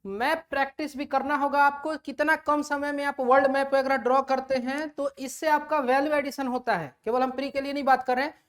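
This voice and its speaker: A woman's voice: high voice, fairly even intonation, brisk, few pauses. A woman teaching a lecture who asks her students questions and then answers them herself, mixing English terms into her explanations. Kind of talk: classroom lecture.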